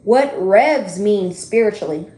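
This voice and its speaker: A woman giving a casual tarot reading to her viewers, chatty and animated, laughing often and swearing freely. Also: mid-range voice, slow pace. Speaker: tarot reader. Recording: roomy echo.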